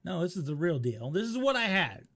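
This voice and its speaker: A man with a high-sitting voice and wide pitch swings talks a little fast in a fairly bright tone. He hosts a casual storytelling stream, reacting to a video conversationally, swearing now and then and repeating himself for emphasis.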